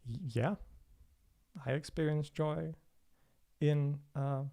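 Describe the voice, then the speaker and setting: Here a native Swedish speaker from Sweden hosts a casual livestream, thoughtfully responding to viewers amid many fillers and restarts. His voice sits on the higher side yet sounds dark, with vocal fry, and he takes his time.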